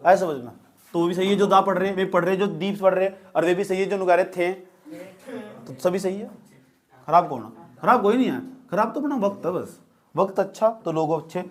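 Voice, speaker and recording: A young man teaching a classroom physics lesson, joking and teasing his students as he explains. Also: high voice. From India. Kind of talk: classroom lecture.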